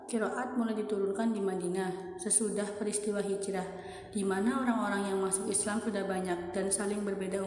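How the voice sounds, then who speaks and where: Young female student presenter, flat monotone reading, long hall-like reverb. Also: mid-range voice. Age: young adult. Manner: steady, even reading from a script. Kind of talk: read-aloud lesson narration. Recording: echoey room with long reverb.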